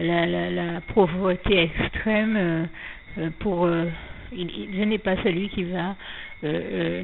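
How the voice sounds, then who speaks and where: Her voice low and gravelly, a woman slowly shares an anonymous spoken testimony of faith, full of hesitations, fillers and fresh starts, with a slight frog in her throat. It sounds thin and tinny like a telephone, with faint noise in the background.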